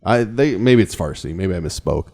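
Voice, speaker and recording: A man with a low voice talks easily on a talk show, relaxed and chatty, softening his points with hedges as he explains. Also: moderate pace. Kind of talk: casual talk show chat.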